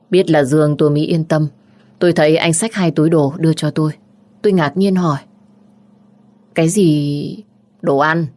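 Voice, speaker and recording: Brief: female narrator, deep-set voice, first-person romance reading. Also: mellow.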